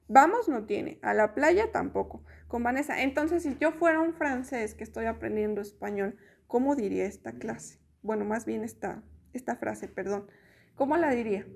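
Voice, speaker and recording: A woman's voice: a little high, a little mellow. A woman teaching French pronunciation in a spoken lesson, explaining patiently with fillers.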